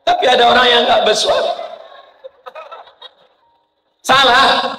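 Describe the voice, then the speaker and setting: Man, preacher, animated and joking, high bright voice, booming hall echo. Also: moderate pace. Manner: animated, humorous, chants and sings prayers. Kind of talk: mosque sermon. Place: mosque hall. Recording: echoey hall reverb.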